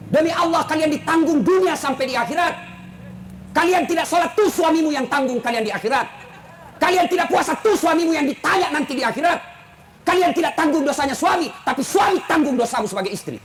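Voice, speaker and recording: High-voiced man preaching with humor. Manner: animated, teasing, acts out voices of husbands and wives. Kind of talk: humorous sermon. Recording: noisy live event recording.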